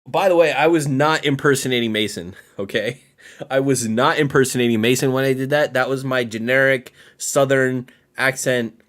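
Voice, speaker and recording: A man's voice: medium pitch, moderate pace, fairly bright tone. A man with a mid-range voice hosting a casual reaction stream. He is blunt and dismissive, laughs often, and rambles in a loose, unscripted way. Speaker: host reacting to a video.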